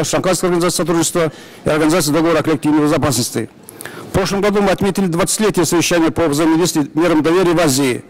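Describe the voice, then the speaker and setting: A male delegate from Kazakhstan delivers a prepared statement at an assembly in a brisk, official reading voice. His voice sits somewhat high for a man, and he races through the text at a fast clip, pausing only to clear his throat. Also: poor audio. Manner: reads quickly and officially, clears throat at times. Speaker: parliamentary delegate. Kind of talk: formal prepared speech. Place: assembly hall.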